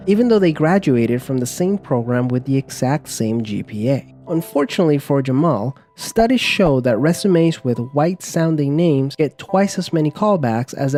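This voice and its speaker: Man narrating calmly over music. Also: a little high. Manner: calm, measured, explanatory. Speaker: narrator of an explainer video. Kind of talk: scripted narration.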